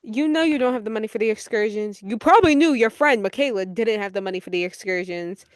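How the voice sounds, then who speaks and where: A woman's voice: mid-range voice, quick pace, no room sound. A woman hosting her own podcast, giving blunt, profane commentary and scolding people directly. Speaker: podcast host. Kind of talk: casual solo podcast commentary.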